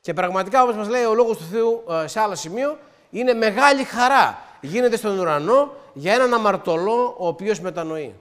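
A man's voice: high voice, lively intonation, big-room sound. A man preaching a sermon, opening with a prayer and then explaining scripture step by step in an earnest way.

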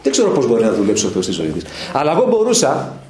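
A man's voice: medium pitch, huge pitch swings, background noise. A middle-aged man preaching at a Bible study, telling stories with quoted dialogue and asking his listeners questions. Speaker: evangelical preacher. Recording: echoey room with faint ambience.

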